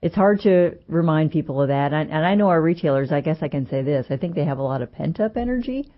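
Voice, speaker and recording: A man's voice: a little high, animated, fast talker. A man speaking conversationally as a guest in a radio studio interview. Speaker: radio studio guest, trade association president. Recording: dull lo-fi radio audio.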